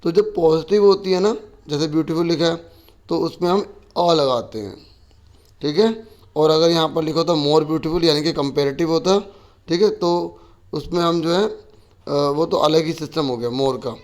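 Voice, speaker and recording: Male teacher, patient, explains a worksheet step by step, voice pitched a bit high. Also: moderate pace, darkish tone. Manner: patient, asks questions and answers them himself.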